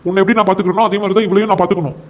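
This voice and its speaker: A man's voice: high-pitched, steady tone, very fast, natural voice. A man voicing a young cartoon husband who firmly stands up for his wife against his mother. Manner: firm, pleading, reasoning. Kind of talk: comic cartoon voice acting.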